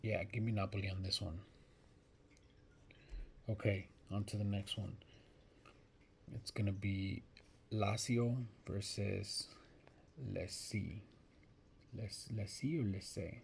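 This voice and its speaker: Man, low gravelly voice, unhurried, hesitant, restarts sentences, casual betting predictions. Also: level tone, slight background noise. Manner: thinks aloud, hesitant with frequent restarts. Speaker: sports betting vlogger. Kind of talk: casual soccer prediction talk.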